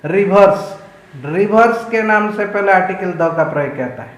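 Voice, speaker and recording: A male school teacher giving an online English grammar lesson, explaining slowly in a mix of English and Hindi and asking the class questions. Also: high voice, lively intonation, reverberant, rough recording.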